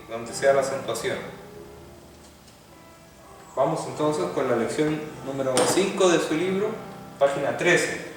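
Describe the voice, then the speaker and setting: A man teaching a Hebrew class in a classroom lecture, explaining patiently step by step and checking in with his students. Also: mid-range voice. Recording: echoey hall from far off.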